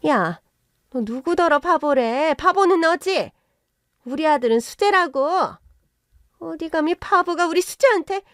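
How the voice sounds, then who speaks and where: A woman acting out a scheming middle-aged mother-in-law in a storytelling show, her voice pushed high and shrill. She scolds in sharp bursts. The sound is mellow and dry, with no room around it. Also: big pitch swings, unhurried, long pauses, no room sound. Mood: indignant. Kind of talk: narrated story with acted voices.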